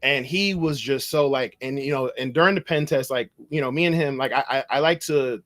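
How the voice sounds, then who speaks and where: Man telling a lively story. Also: mid-range voice, fairly quick. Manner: animated, acts out dialogue in his stories; loose phrasing with frequent restarts. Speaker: podcast guest, cybersecurity consultant. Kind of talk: conversational storytelling.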